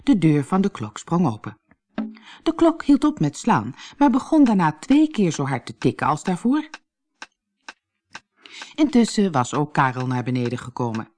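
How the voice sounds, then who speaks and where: Expressive low-voiced woman storyteller. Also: moderate pace, pauses often. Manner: lively, expressive. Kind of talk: audiobook fairy tale narration.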